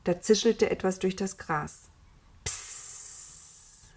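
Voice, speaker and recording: A woman narrating a children's story in a calm, expressive storytelling manner. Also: mid-range voice, a little slow, soft background music.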